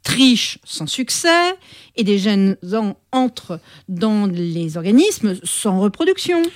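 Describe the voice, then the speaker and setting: A woman presents as a radio host with a mid-pitched voice. She is articulate and measured, explaining and reading in an expository style. The sound is dry, with very little room around her. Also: big pitch swings, no echo. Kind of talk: reading a book extract aloud and interviewing a guest.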